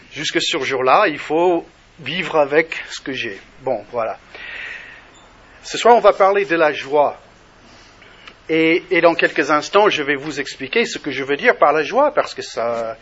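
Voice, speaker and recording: Accented guy, middle-aged, husky voice, lots of restarts and fillers, dull lo-fi sound. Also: on the high side, a bit bright. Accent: non-native French accent. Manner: halting, many restarts and fillers. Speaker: speaker. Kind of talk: personal testimony talk to an audience. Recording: dull lo-fi recording.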